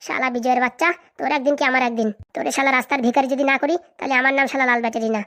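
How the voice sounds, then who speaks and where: A woman's voice: high voice, steady tone, racing, fairly bright tone. A woman doing a swaggering village schemer. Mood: vengeful. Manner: swaggering, cursing threats. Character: boastful vengeful male village schemer. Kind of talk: cartoon comedy voice acting.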